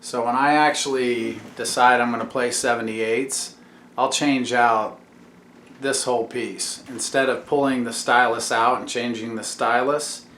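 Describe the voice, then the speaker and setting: In an echoey room at home with faint background noise, a man who runs a YouTube channel hosts a casual family vlog. His mid-range voice is fairly bright and fairly even in intonation, and he speaks unhurriedly. He explains things like a teacher and asks his kids questions.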